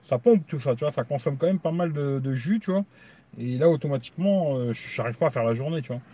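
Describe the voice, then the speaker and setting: Expressive and a little fast, this man's dark, mid-range voice belongs to a YouTube tech channel host. He chats casually and crudely on a live stream, rambling on and constantly saying "tu vois."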